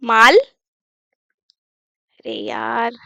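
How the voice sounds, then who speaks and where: A woman teacher walks through a story one word at a time, asking and then answering her own questions. Her voice sits high and bright, and she talks slowly. The sound is dry and close. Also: sing-song, creaky, no room sound. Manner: asks questions then answers them, repeats words slowly. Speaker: English teacher. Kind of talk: bilingual English reading lesson.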